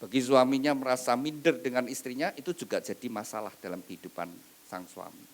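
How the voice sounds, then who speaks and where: Animated male pastor preaching. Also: mid-range voice, brisk. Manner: animated preaching, swings between loud and soft. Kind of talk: wedding sermon.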